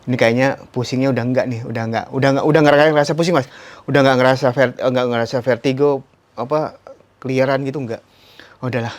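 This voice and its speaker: A man telling his story as an interview guest, animated, often breaking into sudden high exclamations and ending phrases with a polite "Mas". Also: quick pace. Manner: tags sentences with "Mas". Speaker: interview guest, stroke survivor.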